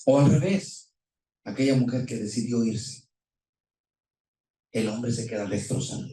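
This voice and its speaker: A man delivers a sermon with fervor, his voice rising sharply and then dropping low as he puts question after question to his listeners. He is heard from some distance. The room rings with a strong echo. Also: unhurried, mellow. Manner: impassioned, rising and falling, rhetorical questions. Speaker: pastor. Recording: echoey room, voice from far off.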